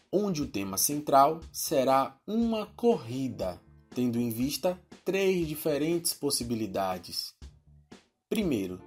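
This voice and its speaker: A man voicing a cheerful virtual teacher with a Brazilian accent, explaining a lesson to children and slowing down to spell out words. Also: mid-range voice, husky, full character voice. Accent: Brazilian Portuguese. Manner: upbeat, addressing children, slows to spell out words.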